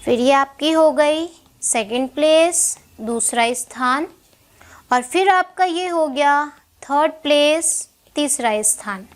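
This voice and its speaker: Young woman teacher, high voice, slow and patient, step-by-step shorthand lesson, keeps checking in with the class. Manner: asks the class questions and answers them herself.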